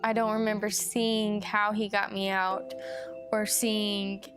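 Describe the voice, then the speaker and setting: A woman's voice: medium pitch, little pitch movement, slow pace, fairly bright tone. A young woman speaking in a recorded interview, hesitant and often repeating herself. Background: music.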